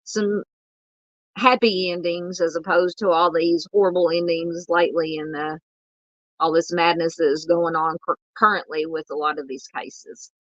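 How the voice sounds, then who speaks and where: A woman from the American South hosting a true crime livestream, talking casually and haltingly with lots of ums and uhs while she reads chat. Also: fairly low pitch, steady tone, dry recording, highs cut off.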